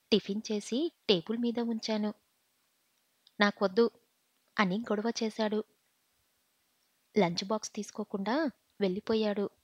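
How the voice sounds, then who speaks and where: A woman narrating a first-person story as an audiobook reader, in a steady, earnest way. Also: medium pitch, dry recording. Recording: slightly muffled home audio.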